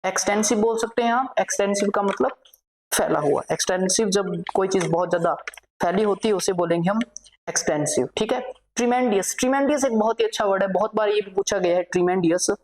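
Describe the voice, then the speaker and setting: A woman's voice: medium pitch, brisk, darkish tone, slight background noise, low-quality recording. A woman teacher giving a vocabulary lesson for exam students, explaining English words in Hindi and repeating each word while she dictates lists.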